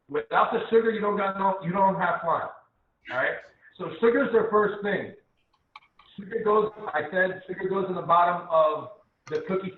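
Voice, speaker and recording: A man teaching a live online cooking class over a video call, patiently walking through each step and repeating it. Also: high-pitched. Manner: instructive, repeats steps patiently. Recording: tinny phone-like line, echoey room.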